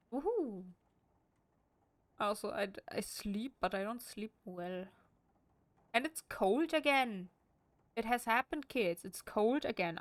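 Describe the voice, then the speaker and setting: A woman's voice: mid-range voice, fairly bright tone, dry recording. A woman with a German accent streaming a game at home, reading in-game text aloud with wry, chatty asides.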